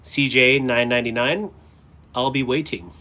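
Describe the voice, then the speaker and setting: This streamer keeps a steady, sharp tone at medium pitch and normal speed. He rambles to viewers in a casual live chat while sorting stickers and equipment in his messy workspace.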